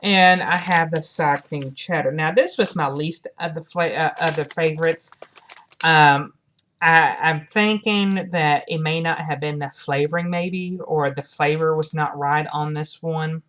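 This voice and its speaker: A woman with a low-pitched voice talks through a casual product review for her viewers. Her delivery is halting, as she repeats and rewords phrases while she goes. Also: steady tone, a bit bright.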